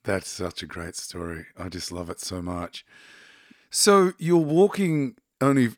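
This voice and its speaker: A man's voice: low-pitched, very animated, no room sound, clean studio sound. A male interviewer chatting casually and asking eager, enthusiastic questions. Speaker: interviewer, vlog host.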